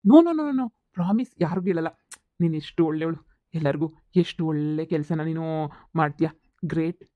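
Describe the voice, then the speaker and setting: A woman voicing a loud, eager young man who flatters his friend in a cartoon comedy, with a dull lo-fi sound. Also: sits low, normal speed, no echo, close to an everyday voice. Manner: loud, eager, mixing in English words.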